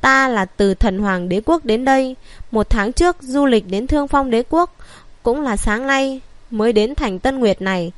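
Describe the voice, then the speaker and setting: Figure: a young man disguised as a famed healer in a fantasy audiobook, read by a woman. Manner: cool, offhand. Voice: fairly high. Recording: dry. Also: moderate pace, dry recording, close to an everyday voice. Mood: aloof. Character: young man posing as an aloof famous healer.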